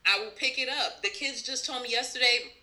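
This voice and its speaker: This woman hosts a relaxed conversation in her thirties, her voice bright and a touch high. She talks with lively, slangy energy and laughs easily between thoughts. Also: a little fast, a little hiss or hum. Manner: animated, laughs often, slangy. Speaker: podcast host. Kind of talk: casual chat.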